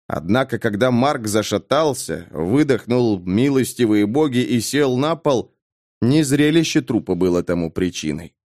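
A male narrator reads a fantasy tale with expressive, dramatic delivery. His pitch sits mid-range but moves a lot. The recording is dry and close. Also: a little slow, dry recording. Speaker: audiobook narrator. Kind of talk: scripted narration.

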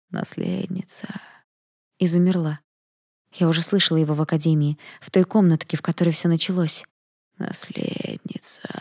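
A woman reading a first-person fantasy audiobook in a lively, expressive way. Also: fairly low pitch, no room sound, clean studio sound. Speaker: audiobook narrator.

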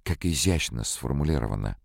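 A man's voice: extremely low pitch, sing-song, moderate pace, gravelly, a little mellow, no room sound, studio quality, full character voice. Susan Calvin, a man doing a scornful woman scientist. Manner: mocking, cutting. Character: sharp, scornful woman robot psychologist.

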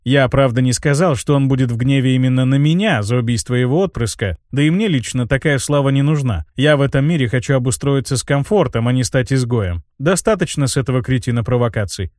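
A man's voice: medium pitch, fast talker, few pauses, a little mellow, dry recording. Dry-voiced male audiobook narrator. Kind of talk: first-person fantasy audiobook narration.

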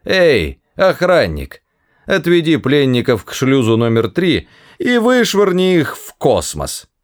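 A man voicing a pompous, cold-hearted male alien captain who writes poetry, speaking slowly and haughtily in an audiobook. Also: a little high, huge pitch swings, no room sound, studio quality, voice pushed up, exaggerated voice.

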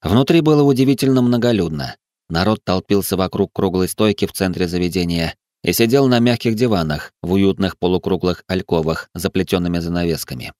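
A man narrating a first-person audiobook in an even, steady way. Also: deep voice, brisk, no room sound, studio quality.

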